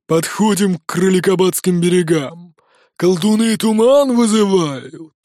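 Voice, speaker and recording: A man's voice: sits high, unhurried, darkish tone, no room sound, studio quality. A man doing a gloating hyena commander. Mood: scheming commands. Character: scheming commanding hyena magistrate, male.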